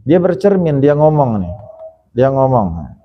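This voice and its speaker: A man giving an Islamic study sermon, telling a story with lively jumps in pitch and asides to the audience, on a handheld microphone in a large hall. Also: measured pace. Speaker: preacher. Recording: echoey hall, dull lo-fi sound.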